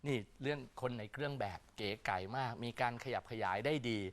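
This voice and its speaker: A man's voice: medium pitch, a little fast. A man giving weekly horoscopes on a chat show in a joking, teasing way. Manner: joking, teasing, chants spells. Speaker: astrologer guest.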